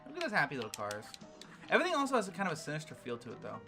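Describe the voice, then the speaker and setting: A woman's voice: sits low, wildly swooping pitch, racing, music in the background. A young woman chatting and teasing while playing a video game, joking and swearing freely. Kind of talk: casual gameplay chat.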